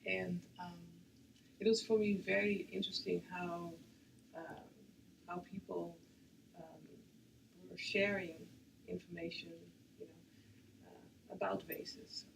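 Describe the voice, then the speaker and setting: Gravelly panelist, quiet and trailing. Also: medium pitch, level tone, slow, pauses often. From Netherlands. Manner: quiet, trails off and drops in volume. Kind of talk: reflective panel talk. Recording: distant mic with faint background noise.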